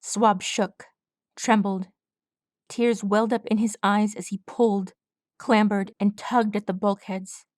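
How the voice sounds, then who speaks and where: A woman's voice: medium pitch, level tone, a little slow, a little mellow, no room sound. Woman, audiobook reader, dramatic storytelling, dry close recording. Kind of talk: audiobook reading of fan fiction.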